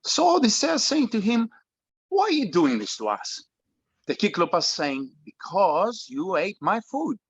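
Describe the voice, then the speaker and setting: A man reads a doting Greek immigrant father with a heavy accent, who spins a bedtime tale in broken English. His pitch is a touch high and swings widely. The sound is dull and dry, like call audio. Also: wildly swooping pitch, unhurried, husky, no room sound, heavily acted. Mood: storytelling. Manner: broken English, fond storytelling. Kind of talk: table read of a script.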